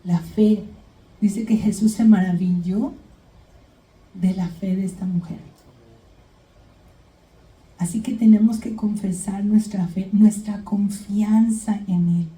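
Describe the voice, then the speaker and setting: A woman delivers a sermon in a deep, mellow, very dark-toned voice. She sounds distant from the microphone in an echoey church hall. She retells Bible stories and keeps checking in with her congregation. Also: fairly even intonation, slow, long pauses. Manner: addresses congregation as brothers and sisters. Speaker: preacher.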